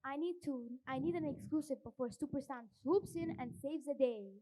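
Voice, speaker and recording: A woman's voice: high-pitched, normal speed, mellow, a little hiss or hum, close to an everyday voice, rough recording. A woman playing a bossy, eager newspaper boss in a children's stage musical. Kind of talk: children's musical theatre acting.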